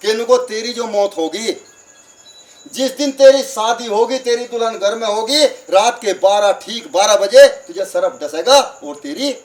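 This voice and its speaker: A man, preaching at a satsang as a lively storyteller who acts out the dialogue and asks the crowd questions. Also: sits high, measured pace. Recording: far from the mic, crickets in the background.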